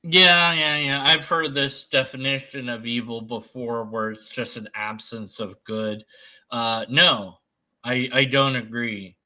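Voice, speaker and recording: Male commentator, very bright forceful voice, slow emphatic delivery, dry dismissive sarcasm. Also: medium pitch, steady tone, rough recording. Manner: sardonic, dismissive. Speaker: commentator debunking another person's video. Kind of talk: unscripted reaction commentary.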